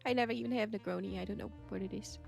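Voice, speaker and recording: A woman's voice: mid-range voice, steady tone, racing, gravelly, faint music behind. A woman chatting casually in an in-character role-play.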